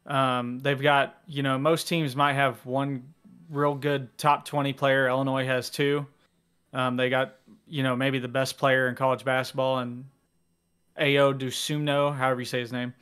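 A man's voice: medium pitch, level tone, a little slow, fairly bright tone, clear, resonant tone. A man co-hosting a casual sports podcast, giving his picks in a matter-of-fact way. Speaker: podcast co-host.

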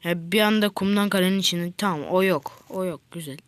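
A woman giving casual let's play commentary on a mobile game, chatting with viewers and scolding the game in slangy outbursts between quiet mutters. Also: lowish voice, fairly quick. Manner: chats with viewers, drifts into mutters and whispers. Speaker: gaming video creator.

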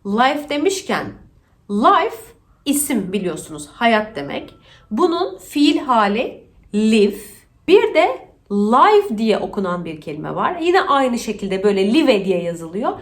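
A woman in her thirties from Turkey giving a casual, playful English pronunciation lesson, chatty and teasing with quick asides. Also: a little high, sing-song. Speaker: English teacher.

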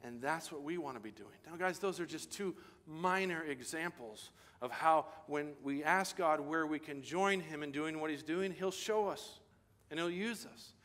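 A man's voice: on the high side, moderate pace, fairly bright tone. A man preaching as a pastor, telling a personal story in an earnest, confessional way and voicing his own thoughts. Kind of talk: sermon storytelling. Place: church sanctuary. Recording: long hall reverb.

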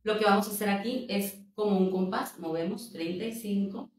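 A woman's voice: medium pitch, moderate pace, darkish tone. A woman teaching a step-by-step sewing tutorial, patient and instructive as she counts out measurements. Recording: echoey room, voice a bit far from the mic, faint noise.

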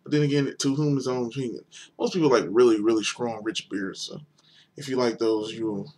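A man's voice: medium pitch, fairly even intonation, brisk, darkish tone, slight background noise. A young man giving a casual, rambling beer review on video, hesitant and full of fillers.

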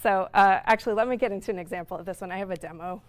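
Speaking very fast in a mid-range voice, a conference speaker in her thirties delivers a long technical explanation full of fillers. She is in a lecture room that has a projector screen.

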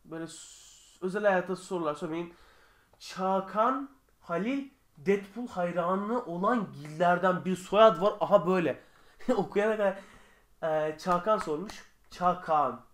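A young man answering viewer questions in a casual vlog from his bedroom, chatty and joking, sometimes getting heated. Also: high-pitched. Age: young adult. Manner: chatty, joking, quick shifts between calm and heated.

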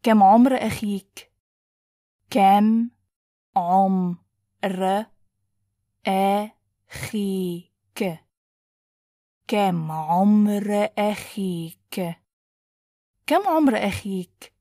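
A woman language teacher says phrases with great care and very slowly, then repeats them one word at a time. Her voice is soft and mellow. The sound is dry and close, with no room echo. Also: medium pitch. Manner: clear, deliberate, splits phrases into single words. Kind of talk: slow word-by-word pronunciation drill.

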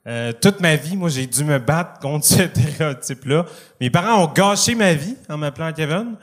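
A man's voice: on the high side, expressive, normal speed. A young man with a Quebec French accent doing a self-deprecating stand-up routine on a comedy club stage, laughing at his own jokes.

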